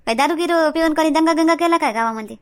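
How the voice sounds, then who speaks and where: A woman's voice: sits high, fast. A woman with a Varhadi Marathi accent, playing a nosy aunt in a village comedy skit who questions and dismisses. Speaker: older aunt figure in a comedy sketch. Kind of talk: scripted comedy skit dialogue.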